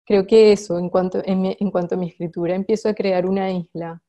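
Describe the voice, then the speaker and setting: A woman answers reflectively in an interview as a poet, haltingly, often repeating words as she searches for the next one. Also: mid-range voice, fairly even intonation, warm tone. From Colombian Caribbean coast.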